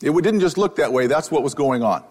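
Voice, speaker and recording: A man's voice: a little high, animated, quick pace, darkish tone, husky. A man giving a humorous public lecture as an economist, telling a self-deprecating story on stage with a microphone on. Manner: wry, self-deprecating anecdotal delivery. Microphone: wearing a microphone. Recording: live talk with long hall reverb.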